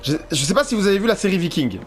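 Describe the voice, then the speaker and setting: A man's voice: sits high, big pitch swings, very fast, soft background music. A man giving casual let's play commentary, chatting straight to his viewers.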